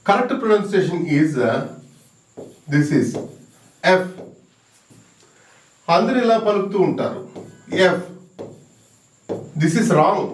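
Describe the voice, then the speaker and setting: A man teaching an exam-prep English grammar lesson, slow and emphatic, repeating key words and sounding out letters. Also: high voice. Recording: roomy echo, mic at a distance.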